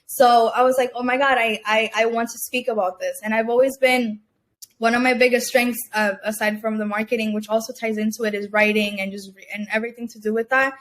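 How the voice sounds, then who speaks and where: A woman's voice: on the high side, fairly even intonation, brisk, a bit bright. A young woman from Cuba, a guest entrepreneur talking casually in an interview, chatty and full of fillers and restarts. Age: young adult. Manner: chatty, many fillers and restarts, laughs often.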